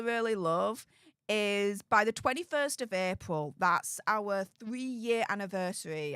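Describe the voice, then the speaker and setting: Reading out live chat comments on her casual YouTube stream, a woman from Yorkshire, England chats in a mid-range voice. Her tone is fairly bright, clear and resonant, captured as a dry, clean studio recording.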